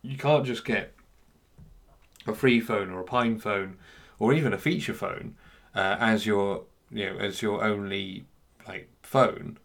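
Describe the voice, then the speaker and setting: Gravelly low-voiced man, hesitant talk. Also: fairly bright tone. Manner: hesitant, many fillers and restarts. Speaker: speaker on free software. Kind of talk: unscripted talk.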